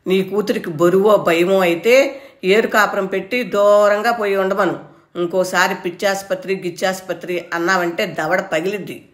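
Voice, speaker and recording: A woman's voice: medium pitch, fairly even intonation, normal speed, roomy sound, lightly acted. A woman voicing a blunt, fierce old village matriarch. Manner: blunt, scolding. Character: fierce older village mother-in-law, protective.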